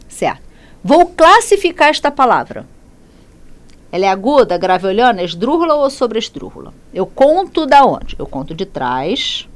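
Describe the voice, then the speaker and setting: A woman teaching a Spanish lesson in Portuguese, who poses questions, answers them herself and corrects her slips as she goes. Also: mid-range voice. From Brazil. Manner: lively, repeats and self-corrects, asks and answers her own questions. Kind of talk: classroom lesson explaining grammar.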